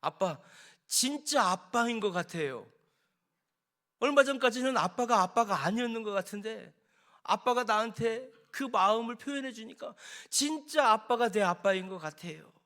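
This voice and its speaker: Brief: an earnest little boy, as a male pastor puts him on, high and animated. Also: normal speed. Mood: touched. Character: young schoolboy son moved by his father.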